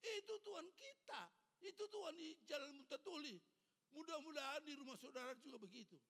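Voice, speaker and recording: A man's voice: extremely high pitch, lively intonation, a little fast, a bit bright. A man in his eighties, a pastor preaching a sermon in a church hall, urging the congregation with fervent, repetitive exhortations. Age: 80s. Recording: long reverb of a hall.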